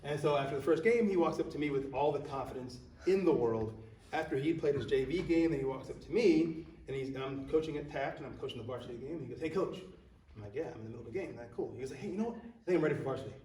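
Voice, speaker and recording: A man, a high school soccer coach, giving a banquet award speech, telling stories and acting out quotes. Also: fast, mellow. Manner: storytelling, acts out quotes. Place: banquet hall. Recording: echoey hall, speaker far from mic.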